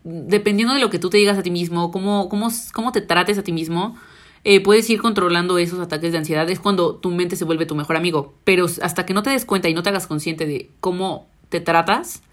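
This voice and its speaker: A woman's voice: fairly low pitch, a little fast. A young woman, co-hosting a casual chat, thoughtful and often searching for her words. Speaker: podcast co-host.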